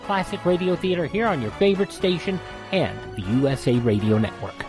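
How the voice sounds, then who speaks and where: A man's voice: on the high side, lively intonation, a little fast, over music. A man hosting a classic radio program, chatting casually and signing off with fillers. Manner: chatty, friendly sign-off with fillers. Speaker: radio host. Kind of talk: casual radio show outro.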